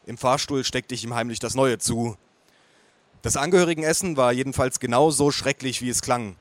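A man reading a first-person audiobook in a calm, measured way with a wry edge. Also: mid-range voice, no room sound. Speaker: audiobook reader.

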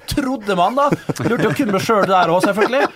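A man's voice: high-pitched, expressive, a crowd in the background. A man, a former footballer, telling rambling anecdotes on a podcast with frequent laughs.

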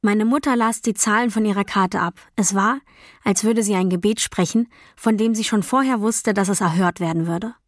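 A woman reading a first-person novel as an audiobook, in a calm, even storytelling voice with quiet dialogue voices. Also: medium pitch, normal speed, dry recording, clean studio sound. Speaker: audiobook narrator. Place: dry recording booth. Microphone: close studio mic.

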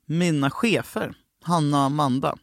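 A young man co-hosting a podcast, telling a personal story in a candid, halting way. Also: on the high side, gravelly, no echo, studio quality. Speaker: podcast co-host. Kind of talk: casual chat.

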